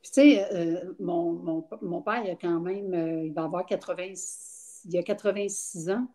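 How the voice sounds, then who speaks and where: Speaking from a room in her home through a laptop webcam, this older interview guest offers candid, casual testimony with a Quebec French accent. Her low, warm voice keeps a steady tone at normal speed, sprinkled with plenty of fillers.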